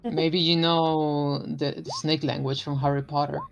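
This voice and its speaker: A man's voice: a little high, flat delivery, unhurried, creaky, dull audio. A man chatting casually as a player in a tabletop role-playing game. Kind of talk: casual gaming chat.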